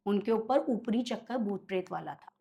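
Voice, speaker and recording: A woman's voice: medium pitch, normal speed, vocal fry, dark tone, muffled recording. A woman guest telling stories in a conversational interview, animatedly acting out her clients' voices in quotes. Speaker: guest, occult healer.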